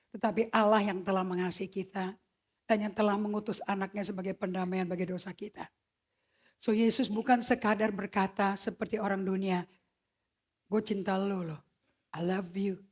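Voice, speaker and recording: A woman's voice: mid-range voice, darkish tone. A woman preaching a sermon, emphatic and slipping English phrases into her talk. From Indonesia.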